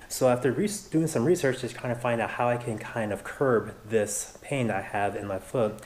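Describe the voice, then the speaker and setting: A man's voice: lowish voice, darkish tone. An American man in his thirties talking casually and earnestly to his viewers in a vlog, often repeating points for emphasis. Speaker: running vlogger. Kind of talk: casual vlog talk to camera.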